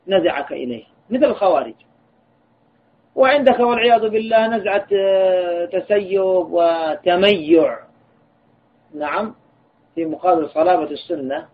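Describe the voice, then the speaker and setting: Gravelly man in a tinny recording. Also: high-pitched. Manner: earnest, admonishing storyteller. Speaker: Islamic scholar giving a lesson. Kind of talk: religious lesson with a personal story. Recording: tinny lo-fi phone-like recording, faint hiss.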